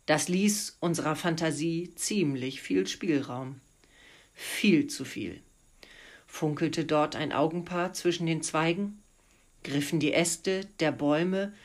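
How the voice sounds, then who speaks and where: Woman reading a children's story, low voice. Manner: lively, playful storytelling. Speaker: teacher reading aloud to pupils.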